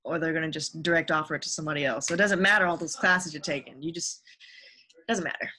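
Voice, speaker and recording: A woman's voice: sits low, steady tone, fast, pushed and bright, breathy edge. A young adult woman, a guest on a podcast, talking casually and earnestly about her career and giving upbeat advice. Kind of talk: casual interview chat.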